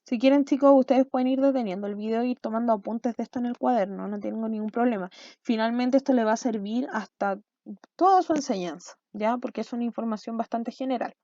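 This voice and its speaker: A woman teacher talks through a recorded lesson, pausing often to check her students follow along. Her voice sits fairly high but has a mellow, warm tone. The recording is dry and slightly dull, lo-fi. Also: dry recording. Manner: explanatory, checks in with "¿ya?" and "¿cierto?". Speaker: school language teacher.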